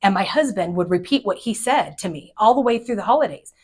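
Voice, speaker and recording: A middle-aged woman, a commercial real estate agent, giving direct and energetic advice to fellow agents. She often acts out the people she quotes. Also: mid-range voice, a little fast, slightly rough.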